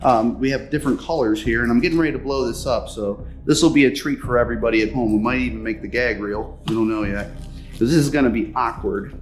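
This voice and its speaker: Male investigator, medium pitch, informal and self-deprecating to camera, light music underneath. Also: fast talker. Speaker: paranormal investigator. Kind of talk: casual talk to camera. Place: stuffy indoor upper room.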